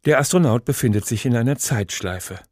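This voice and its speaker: A man presenting a radio program, measured and smooth. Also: mid-range voice, animated, darkish tone, no room sound, studio quality. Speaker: radio host.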